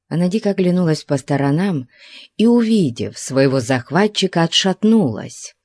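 A woman narrating a story in a slow, even reading. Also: extremely low pitch, dry recording.

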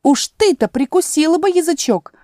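A woman's voice: on the high side, lively intonation, unhurried, dark tone, no room sound, clean studio sound, pitched above the performer's own voice. A woman voicing a haughty, hot-tempered talking flower in a storybook reading, imperious and scolding. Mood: angry.

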